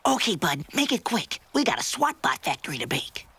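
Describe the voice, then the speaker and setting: An actor playing a cocky, laid-back teen hero in a cartoon, breezy and slangy. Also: male voice, high voice, wildly swooping pitch, a little fast, pushed and bright, exaggerated voice. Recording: cartoon soundtrack with music behind.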